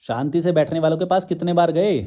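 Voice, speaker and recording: Combative young man, mellow voice. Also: a little high, steady tone, quick pace. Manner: combative, challenging, rhetorical questions. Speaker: social media commentator. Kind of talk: confrontational monologue to viewers.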